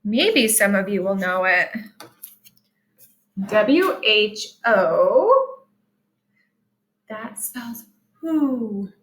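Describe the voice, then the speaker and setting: With sing-song patience, a woman who teaches early-grade reading spells and explains for young children during a sight-word lesson and picture book read-aloud, enunciating carefully and emphatically. Her mid-range, fairly bright voice goes very slowly with long pauses, and the sound is reverberant.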